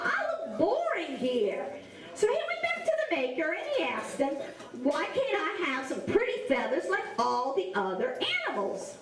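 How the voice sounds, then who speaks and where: A woman with a Cajun accent telling a story to children in a playful, animated way, acting out the dialogue. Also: very high voice. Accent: Cajun Louisiana. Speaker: storyteller and face painter. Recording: echoey large room, distant mic.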